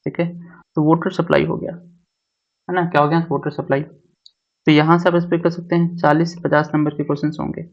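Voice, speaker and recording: Man with a flat, repetitive teaching voice. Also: a little high, brisk, pauses often, dull audio. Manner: repeats each point, mixing English syllabus terms into Hindi. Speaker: exam coaching teacher. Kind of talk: syllabus walkthrough lecture.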